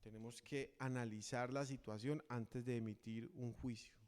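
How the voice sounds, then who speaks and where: A man's voice: medium pitch, steady tone, moderate pace, a little mellow. A man preaching a sermon in earnest, asking the congregation rhetorical questions. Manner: earnest, rhetorical questions, acts out voices of a crowd. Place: church. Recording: long church reverb.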